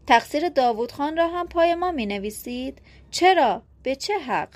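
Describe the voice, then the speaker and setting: A touchy young chief who flares up and argues back indignantly, read by a woman in an audiobook. Her voice sits fairly high and she barely changes it for him. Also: expressive, a bit bright. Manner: indignant, defensive.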